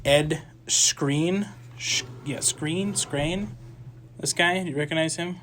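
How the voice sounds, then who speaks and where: A young man co-hosting a campus radio movie show, talking casually in a rambling, animated way full of restarts and fillers. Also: fairly high pitch, slow pace, slight background noise. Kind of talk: casual movie review chat.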